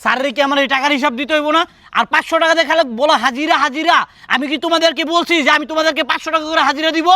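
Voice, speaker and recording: A man voices a greedy office manager in a short-film drama, speaking in a with sneering, threatening scorn. The voice sits high and bright and comes out quick. The sound is dry and close. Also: steady tone, no echo, heavily acted. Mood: contemptuous.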